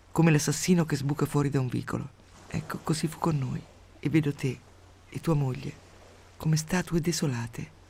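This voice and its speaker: A man doing a hushed, mournful mistress. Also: a little high, creaky. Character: lonely, bitter woman, married man's mistress.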